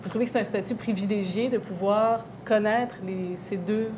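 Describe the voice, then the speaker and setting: A woman's voice: mid-range voice, fairly even intonation, moderate pace, background noise. A woman hosting an interview, asking engaged questions and giving brief affirmations. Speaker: interview host. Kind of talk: interviewing guests.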